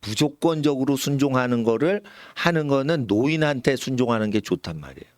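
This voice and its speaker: A man, a pastor, preaching a sermon in a lively way, sometimes acting out the voices of the people he quotes. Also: mid-range voice, fairly quick, no room sound, clean studio sound. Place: church sanctuary.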